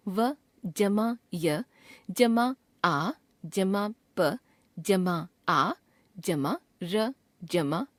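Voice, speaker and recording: A woman reading a Hindi grammar lesson aloud, spelling out words letter by letter in a measured drill. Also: mid-range voice, no room sound. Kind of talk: slow, deliberate textbook reading.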